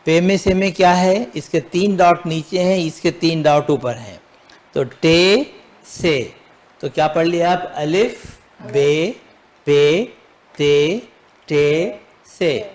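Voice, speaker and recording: A man hosting a lesson, patiently drilling the letters of the alphabet by saying them slowly and having them repeated back. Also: a little high. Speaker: Urdu teacher and show host.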